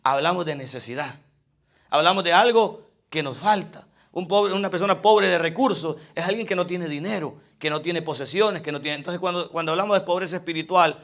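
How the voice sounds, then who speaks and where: A man preaching a sermon, fervent, swinging between loud emphasis and quiet asides. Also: a little high, a little fast, vocal fry.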